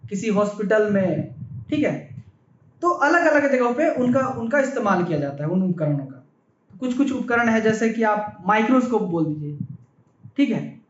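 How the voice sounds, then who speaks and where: A man teaching a physics lesson in speech, explaining step by step and often checking in with the class. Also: high-pitched. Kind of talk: classroom lecture. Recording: echoey, dull, faint background noise.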